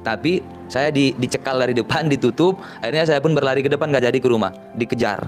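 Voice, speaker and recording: A man's voice: mid-range voice, fast talker, soft background music. A man earnestly recounting his own account in first person, detailed and insistent on the facts. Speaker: person giving a clarification.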